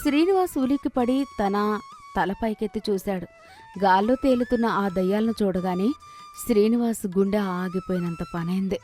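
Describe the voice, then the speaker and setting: A woman narrating a children's moral cartoon story in a steady, measured way. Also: mid-range voice, faint music behind.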